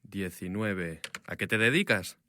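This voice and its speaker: An actor playing a friendly male receptionist in a scripted textbook dialogue, asking brisk questions. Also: low voice, sharp tone.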